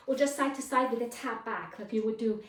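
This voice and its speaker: High-voiced woman coaching a workout. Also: brisk. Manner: encouraging coach, urging with short commands and counts. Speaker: fitness instructor. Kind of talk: live workout class instruction. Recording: roomy echo, distant microphone.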